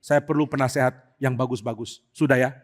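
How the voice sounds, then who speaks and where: A pastor voicing a young male usurper king, who speaks in a low, hesitant, musing way. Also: fairly even intonation, a little fast, close to an everyday voice.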